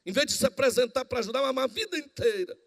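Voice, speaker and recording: A man with a high voice preaches a lively sermon as a pastor, playing out the lines of the people in his story himself. His voice rings with long reverb through the church hall. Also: fast, creaky. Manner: animated preaching, acting out dialogue.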